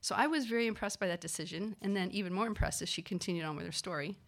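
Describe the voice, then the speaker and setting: A physician assistant tells a personal story in a casual, animated way, acting out the people she quotes and using lots of filler words. Her voice is lowish with vocal fry, and she talks rapid-fire.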